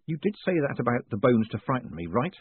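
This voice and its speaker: A man's voice: mid-range voice, sing-song, fast, breathy edge, dry recording, phone-quality sound. A man voicing a nervous young male con man who speaks wryly and a bit exasperated. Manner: wry, slightly exasperated.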